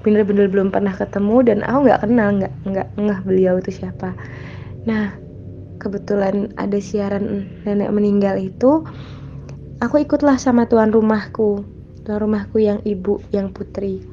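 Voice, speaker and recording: A woman's voice: mid-range voice, steady tone, normal speed, warm tone. A young woman guest telling her own experiences in casual, chatty storytelling, with lots of fillers and self-corrections. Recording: dull, lo-fi sound with faint noise.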